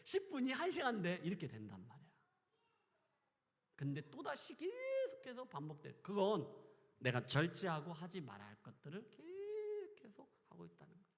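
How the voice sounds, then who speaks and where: A man preaching a sermon as pastor, switching between loud exclamations and quiet asides. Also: fairly high pitch, creaky, long reverb tail. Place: church sanctuary.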